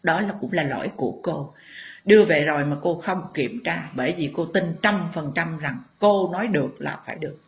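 A woman's voice: low-pitched, expressive, normal speed, vocal fry. A woman who is a spiritual teacher, telling stories to her viewers with emphatic, impassioned delivery. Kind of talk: dramatic storytelling to viewers.

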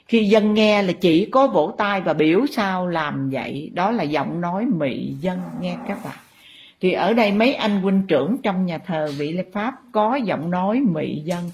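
A woman spiritual teacher, telling a story to her followers in a halting way with many fillers. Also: mid-range voice, darkish tone, breathy edge.

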